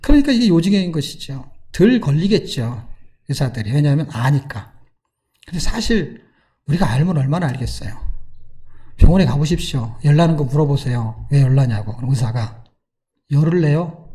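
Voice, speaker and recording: A middle-aged man preaching a sermon, telling the story in a lively way with rhetorical questions and acted-out quotes. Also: a little high, brisk. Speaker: pastor.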